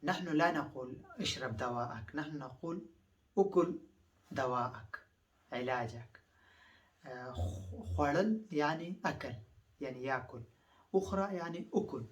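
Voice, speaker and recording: A man's voice: mid-range voice, moderate pace, long pauses, fairly bright tone, far from the mic. A man from Afghanistan whose first language is Pashto, teaching phrases in a lesson and repeating each one several times with patient explanations.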